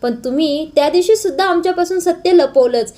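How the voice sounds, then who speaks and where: A woman's voice: very high-pitched, a little fast, dark tone. A woman reading the lines of a furious young man who accuses his elders. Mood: angry.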